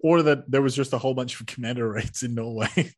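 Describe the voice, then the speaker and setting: A man's voice: medium pitch, fast. A man co-hosting a podcast in casual chat, reacting to a story with quips and jokes. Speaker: podcast co-host.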